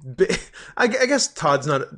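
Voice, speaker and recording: A man co-hosting a casual podcast, tossing out crude, deadpan quips. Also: fairly high pitch. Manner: dry, crude jokester, quick deadpan quips. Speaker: podcast co-host.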